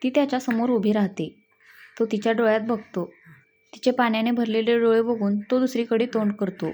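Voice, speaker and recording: A woman narrating a drama story aloud in a steady, plain manner. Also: fairly high pitch, normal speed.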